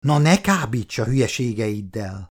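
A man doing a crude, excitable buddy. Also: medium pitch. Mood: excited.

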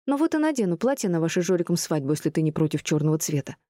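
A woman's voice: on the low side, very animated, warm tone, dry recording, studio quality. Woman voicing a flustered grandmother in her forties. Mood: earnest. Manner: earnest, apologetic, quick to rattle on.

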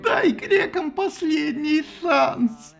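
A man's voice: very high-pitched, measured pace, gravelly, soft background music, voice pushed up, exaggerated voice. A man voicing the goddess Athena as a tearful, stubborn young daughter who whines and shrieks her pleas in an audiobook. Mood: shrill wailing.

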